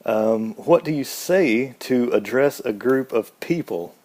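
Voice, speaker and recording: A man's voice: medium pitch, lively intonation, slow, a little mellow. A man with a Southern accent from Mississippi, speaking casually and informally in a laid-back, folksy way. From Mississippi, United States. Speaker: speaker answering an accent questionnaire. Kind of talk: casual informal word list and question answers.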